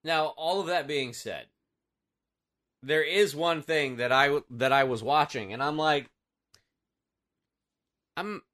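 A man's voice: a little high, slow, pauses often, fairly bright tone. A man co-hosting a casual podcast, picking things apart in an emphatic, questioning way. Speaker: podcast co-host.

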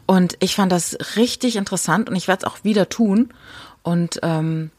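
Woman podcast co-host, breathy and a bit husky, tells stories with lively re-enactments. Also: on the low side, moderate pace. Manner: animated storytelling, acts out her own thoughts. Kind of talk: casual chat, storytelling.

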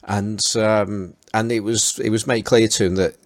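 Male podcast co-host, deep voice, hesitant, lots of restarts. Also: steady tone. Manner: hesitant, halting, many restarts and fillers. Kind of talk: casual chat.

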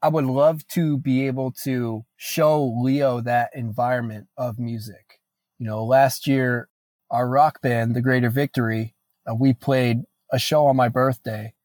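A man's voice: medium pitch, fairly even intonation, unhurried, a little mellow, no echo. A man in his late twenties, a musician guest in a casual interview, talking earnestly and reflectively with many "you know" fillers. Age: late 20s.

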